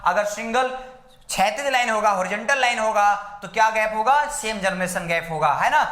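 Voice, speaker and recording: A man's voice: high-pitched, moderate pace, bright, forceful tone. A male teacher giving an exam-prep lecture, who keeps asking questions and answering them himself and constantly checks in with "right, friends?". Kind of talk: classroom-style lecture. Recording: roomy echo.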